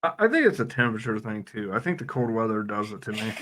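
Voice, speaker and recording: A man's voice: on the low side, sing-song, fast talker, fairly bright tone. A man co-hosting a casual gaming livestream, dry and teasing, his speech full of fillers like "like". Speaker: co-host.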